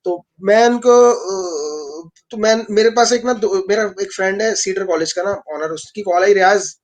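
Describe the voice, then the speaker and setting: A man from Pakistan, an engineering professor telling a story fast and rambling, with many restarts, in a live online interview. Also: high-pitched. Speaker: engineering professor and lab director.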